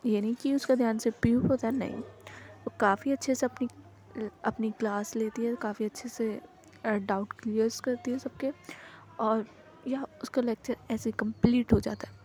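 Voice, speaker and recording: A woman's voice: a little high, darkish tone. A woman narrating a romance story in a casual, chatty way, often correcting herself as she goes.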